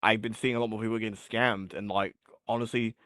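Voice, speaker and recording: A man's voice: lowish voice, level tone, brisk, a bit bright, no room sound, studio quality. A man as an interview guest, chatting casually and rambling with lots of filler words, his voice getting worn. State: losing his voice. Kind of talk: casual chat.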